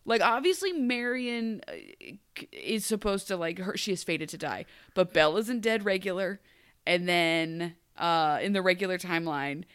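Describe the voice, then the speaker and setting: A woman's voice: lowish voice, moderate pace, clear, resonant tone. A woman co-hosting a podcast, chatting casually and animatedly, often mimicking characters in a mock-grandiose tone. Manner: animated, mock-grandiose quoting, frequent fillers. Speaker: podcast co-host. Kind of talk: casual recap chat.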